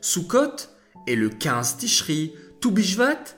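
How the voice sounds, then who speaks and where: A man voicing a kind, patient God who consoles the moon in a children's story, speaking low, slow and reassuring. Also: wildly swooping pitch, fairly bright tone, faint music behind, heavily acted. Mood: explaining.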